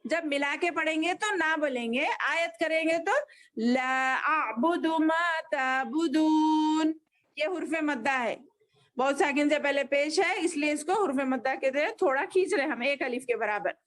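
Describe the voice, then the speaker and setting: A woman's voice: high voice, moderate pace, a bit bright. A woman teaching a children's Quran class over a video call, patiently spelling out each letter and vowel.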